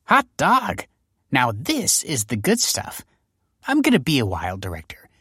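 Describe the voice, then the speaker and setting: A man's voice: mid-range voice, wildly swooping pitch, measured pace, pushed and bright, breathy edge, no echo, studio quality, pitched above the performer's own voice, exaggerated voice. A male audiobook narrator voicing a breezy, mocking female police detective who needles people with sarcastic politeness. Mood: playful. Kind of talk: audiobook character voice.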